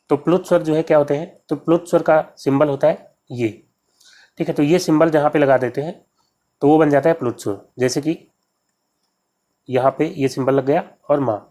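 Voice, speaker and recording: A man's voice: a little high, darkish tone. A man teaching exam questions, walking through each answer step by step and often repeating key words to his viewers. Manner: repetitive, addresses viewers as friends. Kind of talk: explaining quiz answers.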